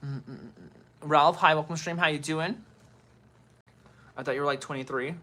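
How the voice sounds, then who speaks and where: A woman's voice: deep voice, fairly even intonation, moderate pace, pushed and bright, a little hiss or hum. A woman in her thirties hosting a casual livestream at home, greeting commenters by name while doing her makeup. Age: 30s. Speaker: livestream host. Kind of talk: casual live-stream chat.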